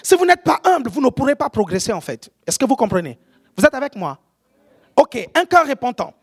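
A woman preacher with an African French accent, delivering an animated sermon, often shouting and keeping the congregation with her. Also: high-pitched, fairly quick, husky.

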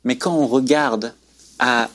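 A man's voice: mid-range voice, fairly even intonation, slow, a bit bright. A man sharing a personal faith testimony in an earnest, preacherly storytelling way as a guest on a talk show.

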